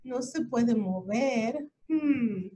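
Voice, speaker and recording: A woman reads a children's storybook aloud at an unhurried pace. Her voice sits high and stays expressive. She stops now and then to point things out to a young listener. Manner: slow and expressive, talking to a child.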